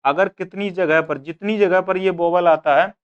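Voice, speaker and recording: Quizzing male teacher, smooth voice. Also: high voice, normal speed, lo-fi sound. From India. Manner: asks questions and repeats answers, voices students' doubts. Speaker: exam coaching teacher. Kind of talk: online grammar lesson.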